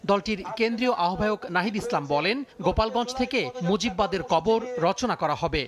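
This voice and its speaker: A man reads a news report voice-over, steady and formal. His voice is pitched high. A crowd is clearly audible underneath. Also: a little fast.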